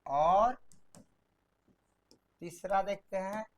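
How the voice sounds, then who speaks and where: A woman teaching English grammar in a video lesson, drilling students to repeat rules aloud and dictating sentence structures slowly, word by word. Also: medium pitch. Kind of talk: classroom-style video lesson.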